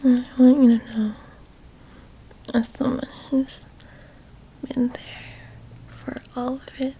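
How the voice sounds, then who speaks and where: A woman doing an ASMR ASMR role-play as an affectionate, teasing childhood best friend, in a soft, soothing spa-like soft voice meant to relax. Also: high voice, flat delivery, takes it slowly, husky, heavily acted, poor audio.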